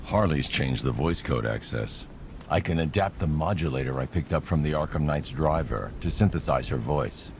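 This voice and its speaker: A brooding masked video game vigilante with an extremely low voice. He is terse, grim and controlled, measuring out each statement. Clear noise sits behind him. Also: expressive, normal speed.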